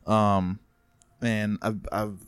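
A man's voice: on the low side, level tone, very slow, clear, resonant tone, dry recording. A man telling stories on a podcast in a casual, rambling way, full of restarts and swearing. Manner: rambling, profane, restarts a lot. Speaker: podcast co-host and comedian. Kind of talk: casual storytelling chat.

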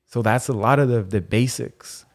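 A man's voice: medium pitch, moderate pace. A man hosting a podcast in an earnest motivational spiritual monologue, using Rasta-style turns of phrase and repeating key phrases for emphasis. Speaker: podcast host.

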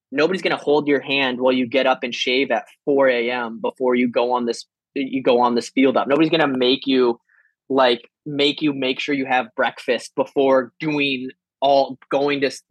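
A man's voice: mid-range voice, a bit bright, slightly rough, no room sound, low-quality recording. A man in his twenties, a comedian and military veteran, talking casually and rambling with many restarts and free swearing. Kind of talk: casual podcast conversation.

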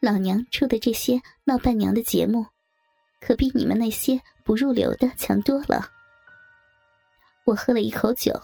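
A woman narrating a first-person story in a steady, matter-of-fact reading. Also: fairly high pitch, gravelly, dry recording.

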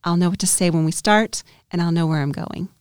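A woman with a fairly low voice, a dentist co-hosting a podcast. She speaks candidly and reflectively, with small restarts. The sound is close and dry. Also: brisk, a little mellow, clear, resonant tone, no echo. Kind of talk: casual podcast conversation.

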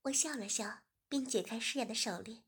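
A woman narrating a story, reading evenly and sometimes dropping into a soft whisper. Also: fairly high pitch, brisk, breathy edge.

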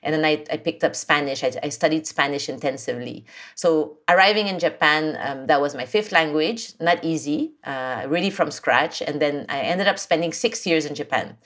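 A woman in her forties with a low voice, a guest on a podcast. She tells her story in a chatty, storytelling way, full of ums and restarts. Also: moderate pace. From Philippines. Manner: warm, lively storytelling with many fillers and restarts. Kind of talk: casual interview chat.

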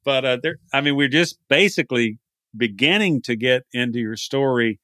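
A man's voice: medium pitch, normal speed, bright, forceful tone, dry recording, clean studio sound. A man with a Texan accent hosting a podcast interview, talking in a casual, rambling way with frequent restarts. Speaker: podcast host.

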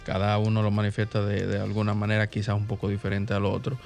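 A man's voice: fairly low pitch, monotone, quick pace, creaky, a little mellow, faint music behind. A man hosting a radio interview, making thoughtful, reflective comments to his guests.

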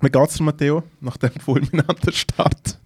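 A man's voice: fairly high pitch, steady tone, normal speed, slightly rough, no echo. A young man with a Swiss German accent co-hosting a podcast, teasing his partner with dry comebacks. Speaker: podcast co-host. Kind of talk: casual podcast banter.

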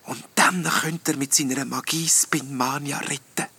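A man voicing a small, sad and hopeful ghost, speaking softly in a whispery way in a storybook reading. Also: medium pitch, steady tone, measured pace, husky, no room sound, pitched above the performer's own voice, heavily acted. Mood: solemn hushed. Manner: soft and whispery.

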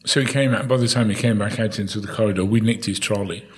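An older English man with a husky voice, telling casual anecdotes in a chatty, jovial way as a podcast guest. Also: lowish voice, fairly even intonation, fast. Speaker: podcast guest, town crier and historical guide.

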